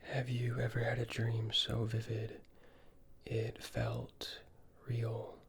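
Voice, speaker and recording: An ASMR host speaking in a soft, breathy, soothing whisper, gently asking the listener questions with long pauses, close to the microphone. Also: mid-range voice, completely flat delivery, over a noisy crowd. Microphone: close ear-to-ear microphone.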